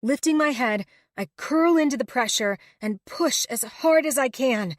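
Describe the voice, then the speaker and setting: Expressive woman audiobook narrator. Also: sits high, measured pace, no echo, clean studio sound. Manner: emotional, expressive reading. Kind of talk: first-person audiobook narration.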